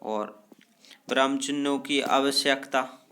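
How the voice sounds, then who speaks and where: A man teaching a grammar lesson, reading from a text and explaining slowly, repeating phrases and checking that students follow. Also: medium pitch, fairly even intonation, fairly bright tone.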